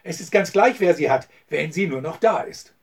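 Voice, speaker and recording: A man reading the part of a level-headed male outlaw who calms the others, speaking in a reasoning, insistent way. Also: fairly high pitch, moderate pace, slightly rough, far from the mic.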